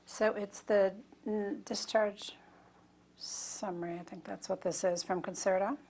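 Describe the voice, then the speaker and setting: A woman gives formal testimony in a creaky, medium-pitched voice. She answers in a halting, matter-of-fact manner, with faint noise around her. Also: steady tone, darkish tone. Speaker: nurse expert witness. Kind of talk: deposition testimony.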